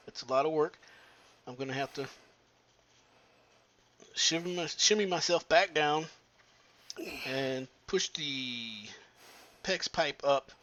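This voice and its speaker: Halting man narrating plumbing work. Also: mid-range voice, fairly bright tone. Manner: halting, with many filler pauses. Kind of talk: how-to narration while working.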